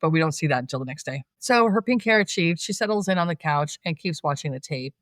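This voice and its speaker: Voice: mid-range voice, fast talker, dry recording, studio quality. Chatty podcast host recapping a film. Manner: chatty, laughs often, animated asides. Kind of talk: casual film recap chat.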